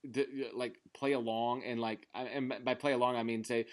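The speaker is a Memphis-area American man in his 30s, hosting a sports podcast and chatting casually at a moderate pace. His voice is medium-pitched with little pitch movement, and his talk is rambling and emphatic, full of "like".

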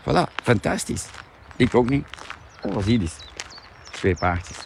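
A man's voice: medium pitch, measured pace, creaky. Flemish guy ranting outside about his product, cusses, faint noise behind him. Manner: animated ranting, swearing. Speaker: product seller. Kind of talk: outdoor live vlog.

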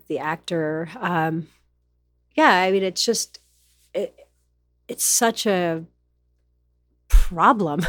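A woman remembering her acting work in a soft, hesitant way, with many fillers. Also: fairly low pitch, dry recording, studio quality. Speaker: interviewed actress. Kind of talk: casual interview recollection.

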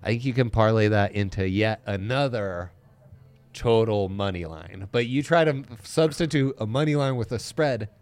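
A man's voice: on the low side, moderate pace, smooth. A man co-hosting a sports betting podcast, bantering casually and laughing often. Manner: jokey, animated, laughs often.

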